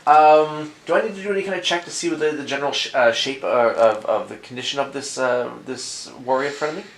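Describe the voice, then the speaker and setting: A man playing a tabletop game, talking in a halting, playful way with many fillers. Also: medium pitch. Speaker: player. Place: convention room. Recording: echoey room with faint noise.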